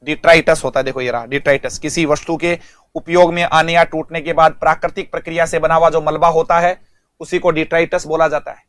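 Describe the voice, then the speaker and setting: A man's voice: on the high side, steady tone, a little fast, fairly bright tone, no echo, studio quality. A male English teacher giving an online vocabulary lesson, speaking, repeating words and quizzing students.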